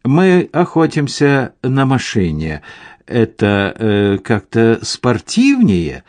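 A man's voice: mid-range voice, wildly swooping pitch, takes it slowly, a little mellow, no room sound. A timid husband who hems and stammers before every few words, as a man reading the story plays him. His voice rises slightly when flustered. The sound is close and dry. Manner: hesitant, stammering. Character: timid, cowardly aristocratic husband.

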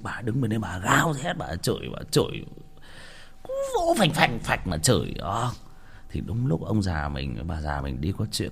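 A man's voice: low-pitched, breathy edge. A man telling a childhood story in a crude, colloquial way. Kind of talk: casual storytelling.

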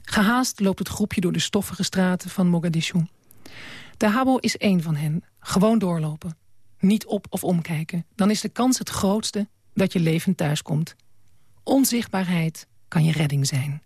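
A woman hosting a late-night radio show in a studio, gently asking questions and reading a book passage aloud. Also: lowish voice, normal speed, slightly rough, no room sound. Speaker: radio host.

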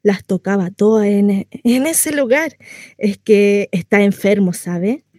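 In a theatrical radio monologue, a woman plays a naive, lonely housewife who rambles in a gossipy, confiding way, cheerfully insisting her life is good and turning coyly hesitant over delicate matters. Her mid-range voice is warm and mellow and she speaks slowly. The close recording is very dry, with no room sound.

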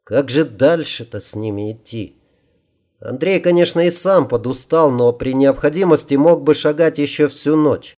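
A man narrating an audiobook with a steady storytelling delivery. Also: fairly high pitch, normal speed.

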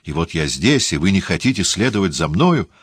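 Audiobook role: a male reader as a desperate Jesuit priest, shaky and deep-voiced. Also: sing-song, a little fast, breathy edge, no room sound, clean studio sound, heavily acted. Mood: pleading. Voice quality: trembling. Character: older Jesuit priest, distraught and pleading. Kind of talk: audiobook character reading.

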